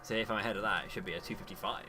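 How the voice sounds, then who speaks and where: A man livestreaming his speedrun, chatting quickly and teasingly over a headset mic while he plays. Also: fairly low pitch, fairly even intonation, noisy background. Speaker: speedrunner streaming his run. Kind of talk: casual chat while playing.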